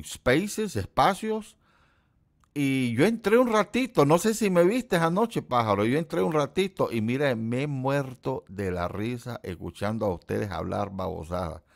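A man's voice: expressive, unhurried, creaky. A middle-aged man from Central America hosting a livestream, chatting casually with his viewers and teasing them. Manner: chatty, jokes and teases his chat; quotes people in a put-on high voice. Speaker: livestream host. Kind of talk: casual chat with live viewers.

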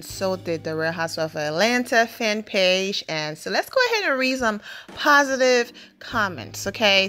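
A woman's voice: medium pitch, bright, forceful tone. A woman vlogger giving casual, opinionated gossip commentary and reading viewer comments aloud.

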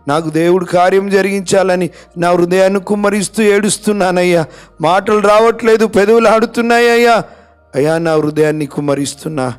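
A man's voice: sits high, clean tone, pitched above the performer's own voice. A man preacher speaking as a humiliated woman pleading in tearful prayer. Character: grieving, humiliated woman pouring out her heart.

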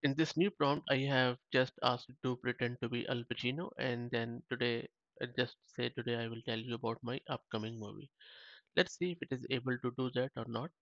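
A tech tutorial host chats loosely through a casual screen-share of a software demo, restarting sentences as he thinks aloud. His pitch is ordinary and his intonation fairly even, and he moves briskly. The recording sounds dull, muffled and very dry.

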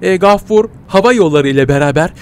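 A man giving playful, excitable let's-play commentary, chatting to his viewers and yelping at every surprise. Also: high voice, brisk, slight background noise. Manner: excitable, yelps and squeals at surprises, talks to viewers as "kitties". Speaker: gaming channel host.

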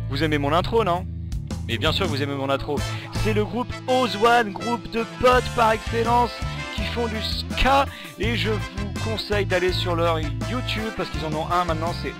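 Male gamer, somewhat high-pitched, chatty live commentary, stammers, excitable; light music bed behind. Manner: rambling, stumbles over words while playing; excitable outbursts at the game. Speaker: gamer and channel host.

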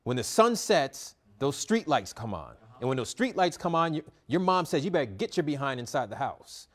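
A middle-aged man hosting a TV sports show from a studio, joking and emphatic in lively banter. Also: on the high side, normal speed.

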